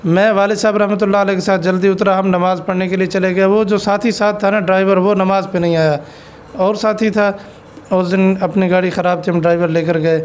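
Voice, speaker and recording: High-voiced man preaching earnestly. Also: little pitch movement, a little fast. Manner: earnest and exhortative, storytelling. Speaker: Islamic cleric, interview guest. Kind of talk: preaching answer in an interview.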